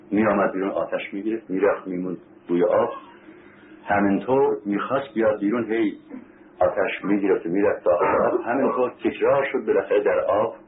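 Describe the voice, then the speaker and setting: A man preaching a sermon as a story, repeating phrases for emphasis, asking his listeners rhetorical questions and reciting Arabic scripture. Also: lowish voice. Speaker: religious preacher. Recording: tinny phone-like recording with faint hiss.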